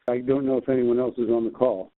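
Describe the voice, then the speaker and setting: Give me a quiet man on a tinny conference call line. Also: medium pitch, level tone, quick pace, no echo. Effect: heard over a conference call phone line. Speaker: meeting participant on the call. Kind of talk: casual conference call talk.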